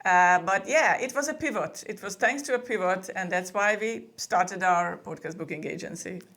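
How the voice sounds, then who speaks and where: A woman's voice: mid-range voice, moderate pace, fairly bright tone. A woman from Hungary, chatting as a guest in a remote interview. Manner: chatty, with frequent laughs and restarts. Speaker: podcast booking agency co-owner, guest. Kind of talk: casual interview conversation.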